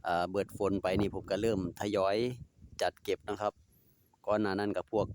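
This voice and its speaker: A man's voice: lowish voice, monotone, brisk, a little mellow, a little hiss or hum. A man with an Isan accent, chatting casually and politely while doing DIY work in his yard. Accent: Isan (Northeastern Thai). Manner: easygoing, chatty, polite particles, talks to his dogs. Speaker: DIY vlogger. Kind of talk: casual narration while working outdoors. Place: outdoor home yard.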